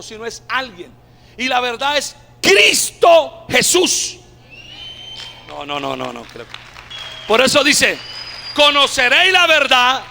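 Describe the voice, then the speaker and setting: A Colombian man preaching a sermon, calling out to the congregation and rising to shouted climaxes. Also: very high-pitched, long reverb tail, a little hiss or hum. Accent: Colombian Spanish. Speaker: pastor.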